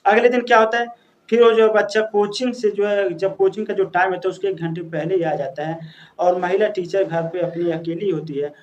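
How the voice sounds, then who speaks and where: A man's voice: sits high, fairly even intonation, a little fast, dull audio. A man narrating a story in a casual, chatty way, addressing his listeners as friends, with frequent restarts and fillers.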